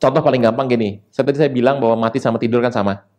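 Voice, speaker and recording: A man preaching a sermon, talking in a lively way with sudden high emphatic rises and quick asides. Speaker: pastor.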